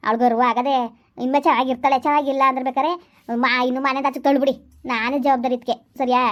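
A woman's voice: fairly high pitch, natural voice. A young woman playing a village woman who pleads with her elders, speaking. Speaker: village family member. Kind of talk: village drama acting.

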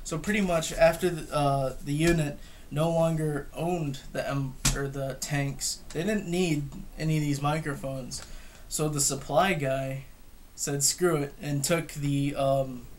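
A man's voice: a little high, steady tone, measured pace. A young man giving a casual, unscripted gear review at home, hesitant and matter-of-fact, picked up by a camera across a table. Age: young adult. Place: room at home, indoors. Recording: clearly noisy home recording with clicks.

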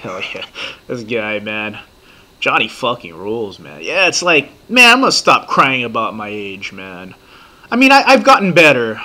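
A man in his thirties rambles through a casual reaction vlog, swearing freely and getting excitable. His voice is bright and sits at a middle pitch. He sounds like he is recording at his computer. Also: normal speed. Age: 30s. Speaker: vlogger reacting to a TV series.

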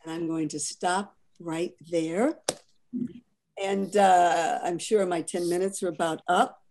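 A woman author reading a passage of her novel aloud over a video call, steady and expressive. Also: on the low side, slow.

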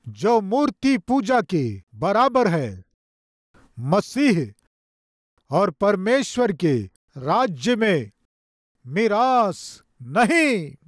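A man in his forties preaching from a stage lectern, slow and emphatic, with repeated phrases and dramatic pauses. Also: a little high, a little mellow, no room sound, studio quality. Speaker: pastor. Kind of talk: sermon. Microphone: podium microphone.

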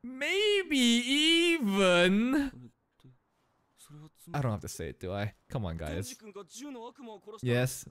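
Young guy reacting to anime on stream, super lively voice, laughs and yells a lot, close mic in a small room. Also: sits high, very slow, long pauses. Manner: animated, laughing, shouts in bursts. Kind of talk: excited reaction commentary. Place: small room indoors, in a gaming chair. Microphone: studio mic on boom arm, close.

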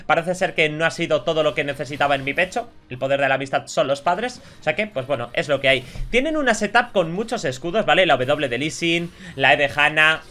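A man's voice: a little high, a little fast, hardly any pauses, pushed and bright. A man in his twenties with an accent from Spain gives live gameplay commentary in a slangy, crude, mock-polite way. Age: 20s. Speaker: gaming streamer. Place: indoors at a gaming desk.

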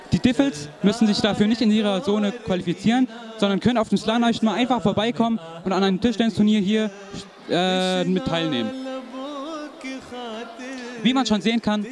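A young man with a high voice reports formally from a big indoor sports hall through a handheld mic. Crowd chatter carries behind him throughout. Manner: formal, announcer-like, with religious greetings. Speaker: event reporter. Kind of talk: scripted event report and interviews.

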